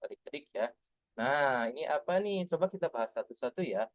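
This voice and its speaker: A young man tutoring young children through test answers, patient and coaxing, slowly spelling out letters. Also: medium pitch, expressive, no room sound. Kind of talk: online lesson reviewing test answers for young kids. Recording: dull, dry lo-fi sound.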